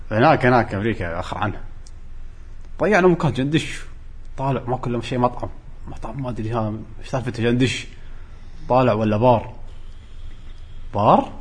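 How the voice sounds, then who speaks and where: A man's voice: medium pitch, slightly rough. A man, chatting casually on a podcast and telling travel stories, acting out the people he met. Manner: animated storyteller, acts out quoted people. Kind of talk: casual chat, travel storytelling.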